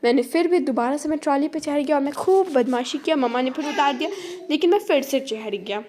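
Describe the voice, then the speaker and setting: A woman voicing a cheeky little boy, high and playful. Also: fairly quick, darkish tone, a little hiss or hum, close to an everyday voice. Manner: playful sing-song narration with lots of repetition. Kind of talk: parent narrating a child's day in his voice.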